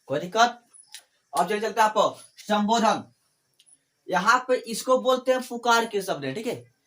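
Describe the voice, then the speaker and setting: A man's voice: high-pitched, animated, fairly bright tone. A man teaching a grammar lesson. He asks questions and answers them himself, repeats phrases, and keeps dropping in small fillers like "okay". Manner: fills pauses with "ठीक है" and "आपको".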